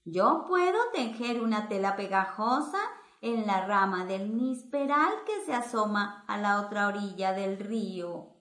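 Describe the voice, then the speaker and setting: A woman voicing a scheming long-legged female spider, sly and brisk, in an echoey room. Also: mid-range voice, animated, fairly bright tone.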